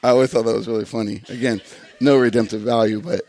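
A man's voice: lowish voice, fairly even intonation, quick pace, dark tone. A man preaching a sermon in an earnest, conversational way, often repeating words as he goes. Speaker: pastor.

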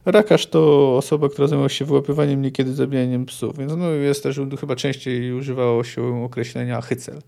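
A man with a warm, dark voice pitched in the middle range reads book passages aloud. Between readings he talks through his thoughts in an unhurried, discursive way, like a podcast host. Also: steady tone, gravelly.

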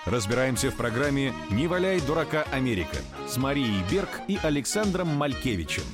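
A man reading a scripted radio promo in a lively announcing manner. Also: mid-range voice, a little fast. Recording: over guitar music.

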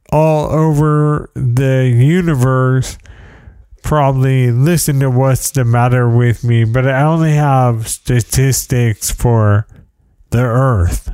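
A man's voice: medium pitch, a little mellow, no room sound. A man in his forties hosting his own podcast, rambling in a jokey casual monologue and saying "dude" a lot. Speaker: podcast host.

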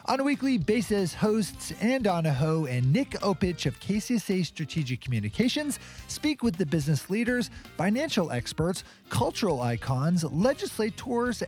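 High, lively male podcast announcer. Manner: polished, measured announcer delivery. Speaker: show announcer. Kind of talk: scripted podcast intro narration.

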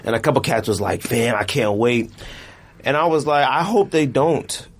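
Speaking at a moderate pace in a medium-pitched voice, this late-30s man hosts a casual podcast. He comes across as opinionated and animated, ranting emphatically and addressing people in slang.

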